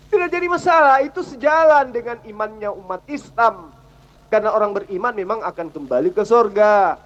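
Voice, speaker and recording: High-pitched man lecturing in a debate. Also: fairly bright tone. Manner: lecturing, challenging. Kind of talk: heated religious debate. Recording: dull lo-fi sound.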